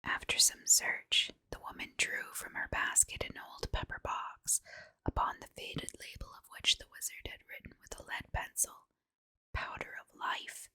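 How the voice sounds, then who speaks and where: A woman's voice: normal speed, sharp tone. A woman reads a children's storybook under her breath in an ASMR style, in an unvoiced whisper.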